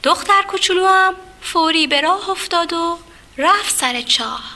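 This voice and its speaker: An expressive woman telling a children's fairy tale, her voice high and bright. She leans toward young listeners and speaks to them directly as she reads. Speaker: storyteller. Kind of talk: children's storybook reading.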